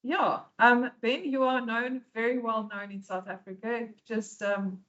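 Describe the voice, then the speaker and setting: A woman interviewer with a slightly high voice asks friendly, hesitant questions, pausing on small fillers. The sound is somewhat dull and lo-fi. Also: steady tone, fairly bright tone. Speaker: interviewer, host. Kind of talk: conversational interview.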